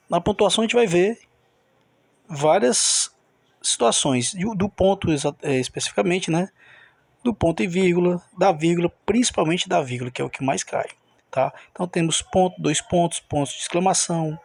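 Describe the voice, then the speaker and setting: A man with a high voice teaches a grammar lesson on a close mic, recorded dry with no room echo. He breaks every rule into small steps and keeps checking in with the listener. His voice has a gravelly edge. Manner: explains step by step, often checks in with the listener.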